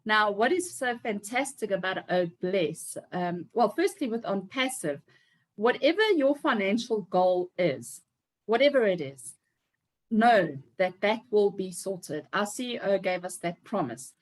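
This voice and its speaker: A woman's voice: medium pitch, expressive, measured pace. A woman, giving an upbeat, emphatic motivational talk as a team leader on a video call. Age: 50s.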